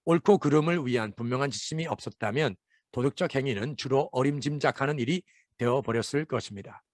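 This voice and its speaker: A man explaining Bible verses word by word as an English lesson, reading the English phrases slowly and carefully. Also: medium pitch, dry recording, studio quality.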